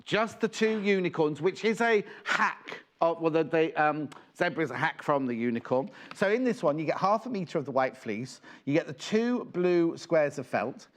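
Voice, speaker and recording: A middle-aged man hosts a live shopping show from a TV craft studio, his fairly high voice expressive at a moderate pace with hardly any pauses. He's chatty and jokey, rambling back and forth between banter and sales patter in a live demo.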